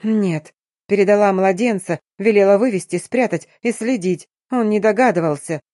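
A woman voicing a scheming, jealous middle-aged stepmother who turns shrill, tearful and defiant, in a dry audiobook reading. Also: moderate pace, mellow, no echo, lightly acted. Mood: tearful pleading. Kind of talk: audiobook character voice.

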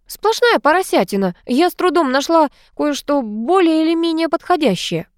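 Bossy blunt woman read by a female narrator, high lively delivery, dry close mic. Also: normal speed, no echo. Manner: blunt, demanding.

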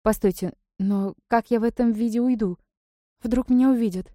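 A woman voicing a capricious, tearful young court favorite who pleads in a high-strung way. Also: normal speed, dark tone, no room sound, studio quality, natural voice. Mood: flustered.

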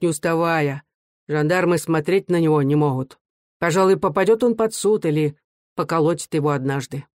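A reader voicing a warm, cheerful young revolutionary man who talks in a lively, hearty way. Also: mid-range voice, no echo, clean studio sound, natural voice.

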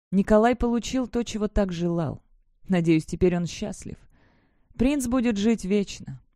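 A woman narrating a first-person fantasy audiobook in a steady, measured way. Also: fairly low pitch, no room sound, clean studio sound.

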